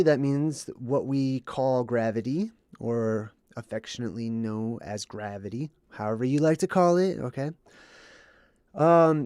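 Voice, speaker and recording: This livestream host, a bit congested and under the weather, explains to his audience and reads chat, often checking in with "okay" or "right." His voice is medium-pitched and darkish, recorded at studio quality with no room sound.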